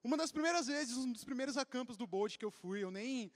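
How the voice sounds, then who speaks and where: A man's voice: extremely high pitch, brisk. A young Brazilian man preaching a casual, joking youth sermon to a crowd. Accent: Brazilian Portuguese. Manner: joking, animated, addresses the crowd. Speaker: youth pastor. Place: church auditorium. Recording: long hall reverb.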